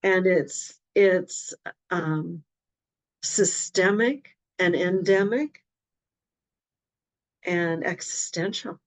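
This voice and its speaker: A woman's voice: lowish voice, very slow, long pauses. A woman talking in an earnest, reflective way in casual conversation. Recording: dull lo-fi sound.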